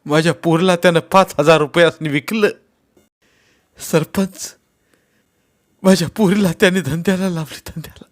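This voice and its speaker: A man's voice: on the high side, steady tone, normal speed, dry recording, clean studio sound, pitched above the performer's own voice, close to an everyday voice. A man voicing a sobbing, desperate village father. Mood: anguished. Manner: pleading, sobbing, rustic speech. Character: desperate middle-aged village father, grief-stricken.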